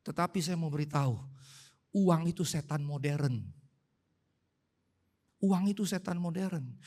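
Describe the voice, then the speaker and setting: A man, a pastor preaching a sermon in a church, telling stories and putting questions to the congregation. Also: a little high. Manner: animated storytelling, asks the congregation questions. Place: church hall.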